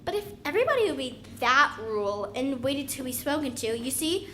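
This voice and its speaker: A woman's voice: high voice, very animated, a little fast, sharp tone, a little hiss or hum, full character voice. A woman playing a polite, earnest, plucky girl who is puzzled by the world around her, in children's musical theatre.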